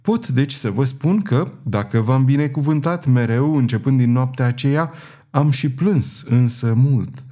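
A man's voice: mid-range voice, dark tone, close to an everyday voice. A man voicing a timid, tearful young girl who speaks hesitantly and shyly, in a storybook reading. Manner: hesitant, trembling, shy.

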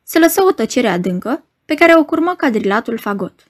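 A woman reading a novel aloud as an audiobook narrator, in an expressive, measured way. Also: on the high side.

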